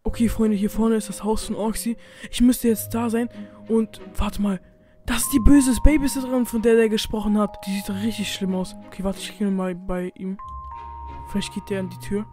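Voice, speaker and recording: A man's voice: high voice, little pitch movement, normal speed, dark tone, faint music behind, lightly acted. A man playing a laid-back young friend who talks in slang, in a casual game role-play. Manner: slangy and chatty, says "fresh" and "Bro".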